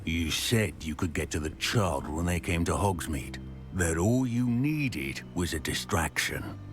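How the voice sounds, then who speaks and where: A very deep menacing goblin. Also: male voice, animated, measured pace, music in the background. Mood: threatening. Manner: cold, threatening. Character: menacing scheming male goblin leader. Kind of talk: video game voice acting.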